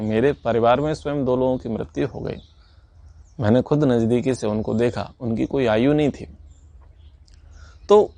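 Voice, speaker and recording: A man gives an earnest, sermon-like scripture lesson and drives home each point by repeating it. His voice sits at a middling pitch. The recording is dry, with no room echo. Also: a little mellow. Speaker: teacher of a scripture class.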